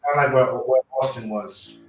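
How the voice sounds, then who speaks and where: Man chatting haltingly in an echoey room. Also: mid-range voice, soft background music. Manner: halting, with many fillers and restarts. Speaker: guest. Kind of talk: casual chat.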